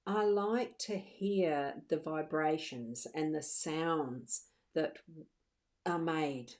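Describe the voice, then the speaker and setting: A middle-aged woman with a slightly low-pitched voice talks to her livestream viewers in a relaxed, chatty way. She is reassuring and warm in her wording, and she often stops and restarts her sentences as she goes. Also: very slow. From Australia. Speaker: psychic medium doing live card readings. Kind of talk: casual livestream chat.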